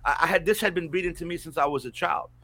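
Man, guest storyteller, frank and salty-mouthed, bright forceful tone. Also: a little high, fast. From American South, mountains. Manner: candid, profane, restarts often. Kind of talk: personal storytelling in conversation.

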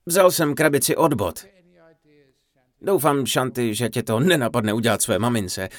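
A man giving a humorous dharma talk, telling a funny story in an animated, playful way. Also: medium pitch, dry recording. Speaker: Czech voice-over of a Buddhist teacher's talk.

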